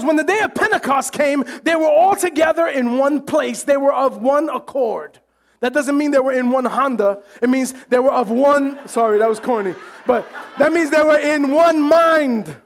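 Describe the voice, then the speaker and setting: Delivering an animated sermon in an extremely high-pitched male voice, the pastor jokes around and performs the crowd's voices himself.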